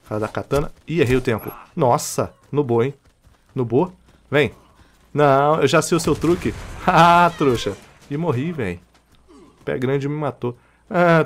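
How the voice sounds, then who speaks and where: A man with a Rio de Janeiro Brazilian accent giving casual, excitable gameplay commentary, taunting enemies and laughing as he plays. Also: mid-range voice. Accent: Brazilian Portuguese, Rio de Janeiro. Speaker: gaming channel host.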